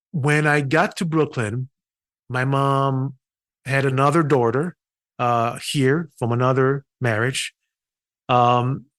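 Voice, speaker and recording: A middle-aged Haitian man, a physician and patient experience consultant, tells his story earnestly in a podcast interview, restarting his sentences at times. His voice is mid-range and a bit bright, with no echo.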